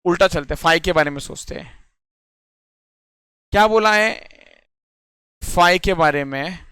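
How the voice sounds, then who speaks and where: A man's voice: sits high, unhurried, pushed and bright, clean tone, no room sound, studio quality. A young man teaching a puzzle lesson in Hindi mixed with English in an Indian accent, explaining step by step and often asking if students follow. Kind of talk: classroom lecture on reasoning puzzles.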